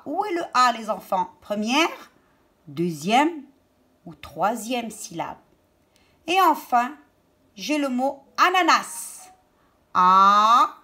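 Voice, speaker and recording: Slow, bright-voiced teacher talking to children. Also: female voice, on the high side, very animated. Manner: slow, deliberate, stresses and repeats words for children. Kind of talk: children's reading lesson.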